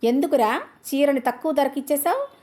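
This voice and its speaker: A woman voicing a loud, half-deaf old shopkeeper father who scolds his son-in-law. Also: sits high, lively intonation, fairly quick. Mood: scolding. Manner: shouting, scolding.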